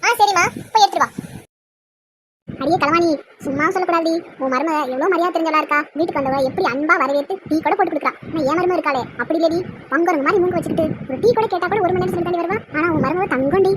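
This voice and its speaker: A woman's voice: very high-pitched, quick pace, background noise. A woman voicing a grumpy, bossy old mother-in-law who scolds sharply, speaking with a Tirunelveli Tamil accent. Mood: chatty. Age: older.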